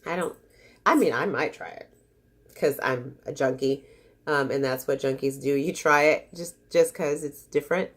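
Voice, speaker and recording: A beauty vlogger with a stuffy nose talks at normal speed in a low voice during a casual unboxing chat. Her manner is gushing and talkative, and she's easily disappointed.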